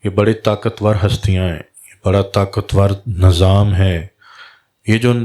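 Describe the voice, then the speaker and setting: A man's voice: fairly low pitch, a little mellow. A man, a Sufi spiritual guide, telling a story in a religious talk and acting out the dialogue in quoted voices.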